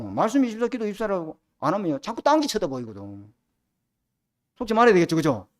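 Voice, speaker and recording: A middle-aged man delivers a sermon. His pitch rises and falls in a lively way, and he keeps turning to the congregation with rhetorical questions. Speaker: pastor.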